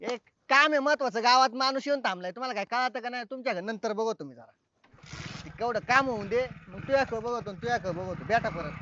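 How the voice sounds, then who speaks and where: An actor playing an impatient man who shouts and demands answers. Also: extremely high pitch, fast talker, slight background noise. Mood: irritated. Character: impatient man stopped on the road, irritable. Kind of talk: comic web film acting. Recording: dull, dry film sound.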